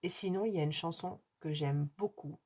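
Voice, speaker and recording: A woman's voice: low voice, brisk, mellow, slight background noise. A middle-aged woman vlogging casually to her viewers, hesitant, with many fillers and restarts. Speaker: YouTuber answering a tag.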